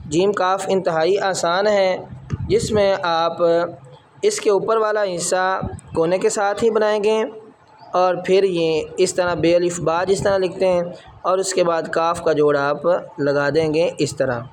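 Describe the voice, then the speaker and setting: Guy with a high-ish voice walking students through letter strokes, calm and patient. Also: a little hiss or hum. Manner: patient, explains each stroke while writing. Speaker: calligraphy teacher. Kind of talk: step-by-step writing lesson.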